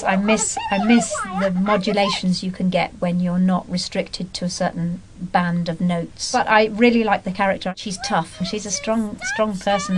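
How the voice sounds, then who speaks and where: A woman voice actress giving measured, thoughtful interview answers about her character. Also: lowish voice, noisy background.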